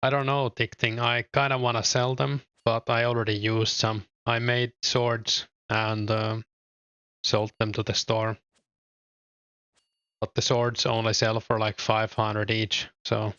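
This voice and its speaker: At a measured pace, a young man with a Finnish accent streams a game and reads out his chat, casual and hesitant with many fillers. The fairly low voice has a clean tone and no room sound, but the recording is muffled.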